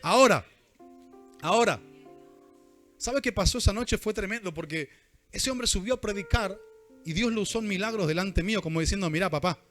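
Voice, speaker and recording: An Argentine man preaching a sermon in a notably high voice. He is animated and keeps throwing questions out to the congregation. Soft music plays faintly underneath. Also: normal speed, long pauses. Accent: Argentine Rioplatense Spanish.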